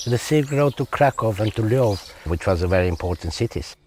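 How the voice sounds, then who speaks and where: A lower-pitched man acts as a local guide, talking outdoors by the water. He speaks haltingly and keeps leaning on 'you know' between phrases. Clear outdoor noise runs under his voice. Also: lively intonation, a little mellow. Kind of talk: casual explanation on location. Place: outdoors on a lake by fishing boats.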